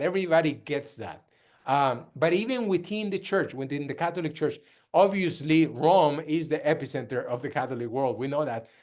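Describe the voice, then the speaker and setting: Earnest man from Peru, slightly high voice. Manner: earnest, with frequent restarts and repetition. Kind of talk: direct-to-camera talk.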